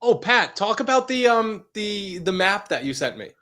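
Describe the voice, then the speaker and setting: A man co-hosting a morning show in quick, lively casual chat. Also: high-pitched. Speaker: co-host.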